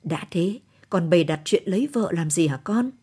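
A woman voicing an old village grandfather, fussy and quick to scold, in an audio storybook. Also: on the low side, animated, warm tone, husky. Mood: stern.

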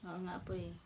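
A woman vlogger reading viewer shout-outs in a soft, unhurried, apologetic way during casual livestream chat. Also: medium pitch, a little hiss or hum. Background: birdsong and outdoor ambience.

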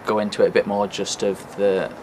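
Young man, hesitant and filler-heavy, flat low voice, street noise. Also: fairly quick. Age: young adult. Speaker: passer-by interviewee. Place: outdoors by a building.

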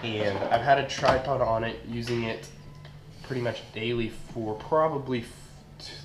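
A man's voice: medium pitch, moderate pace, over loud music. A young adult man chatting informally and slangily to camera as a fitness vlogger. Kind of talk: casual vlog chat to camera. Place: home kitchens and a gym, indoors. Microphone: action camera at a short distance. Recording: roomy echo, clear background noise.

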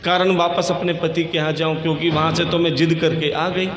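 A man's voice: a little high, level tone, fairly quick, a crowd in the background, lightly acted. A man voicing a devoted goddess wife who pleads earnestly, told as part of a storytelling sermon. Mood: pleading. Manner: earnest, beseeching. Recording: echoey hall with long reverb.

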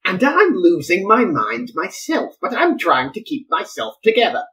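A flustered eccentric inventor, played by a man in a radio play, his voice high and lively as he frets and pleads. He swings between panicked cries and hushed coaxing. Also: normal speed, exaggerated voice, poor audio. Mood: placating.

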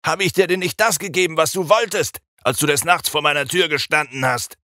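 A man reading an audiobook, voicing a cruel ancient male vampire count who roars in anger and broods softly when calm. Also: a little high, a little fast, dry recording, studio quality, voice pushed up. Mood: raging. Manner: roaring and commanding when angry, soft and brooding when calm.

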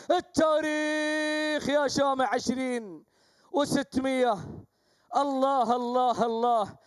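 High-pitched chanting Gulf commentator man. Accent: Gulf Arabic. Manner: chanting, repetitive exclamations. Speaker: falconry race commentator. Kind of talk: live sports commentary.

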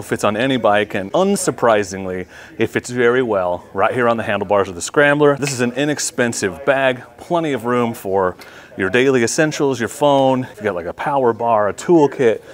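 A man in his thirties presenting products in a relaxed, friendly walkthrough in a large indoor showroom. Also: mid-range voice. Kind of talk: product demonstration.

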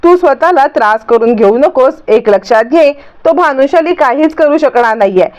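A woman reading the lines of a caring young woman who speaks gently and reassuringly. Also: high-pitched, lively intonation, moderate pace. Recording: dull lo-fi recording.

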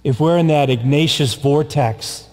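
A priest delivers a sermon from the pulpit of a large church, speaking slowly, solemnly, and deliberately, with long pauses and repetition. His voice is on the high side with a darkish tone. Captured by a distant camera and a pulpit mic, the sound carries a long church reverb.

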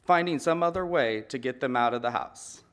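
A man's voice: medium pitch, moderate pace, fairly bright tone. A man in his thirties giving an earnest, conversational breakout talk from a podium microphone in a large conference hall, often repeating words as he restarts sentences.

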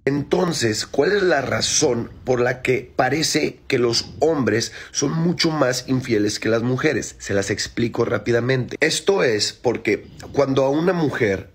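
A man with a Mexican accent holds forth in a blunt, slangy rant, swearing freely to drive his point home. His voice has a husky, slightly rough edge and sits at an ordinary male pitch. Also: a little slow. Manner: crude, emphatic, slangy. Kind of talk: casual opinion rant.

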